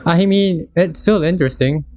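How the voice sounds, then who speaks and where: A man's voice: a little high, normal speed, a little mellow, dry recording, highs cut off, soft background music. A man streaming live and reacting casually to a game's story, thinking aloud in a rambling way with restarts.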